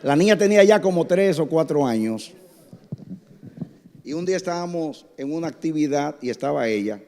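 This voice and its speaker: Spanish-speaking pastor preaching in a hall. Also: male voice, a little high, normal speed, slight background noise. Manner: animated storytelling, acts out voices in dialogue. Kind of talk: sermon. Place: church sanctuary. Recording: hall reverb.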